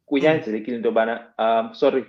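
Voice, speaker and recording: A man's voice: mid-range voice, steady tone, rapid-fire. A man with a South African Xhosa accent explaining things as a radio interview guest, switching between two languages, in muffled, roomy audio. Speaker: health expert guest.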